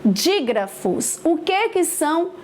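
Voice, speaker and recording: A woman teaching a grammar lesson in a high voice at an unhurried, deliberate pace. She repeats each key point and keeps checking in with her students. A faint hum of room ambience sits behind her. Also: big pitch swings. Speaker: Portuguese teacher.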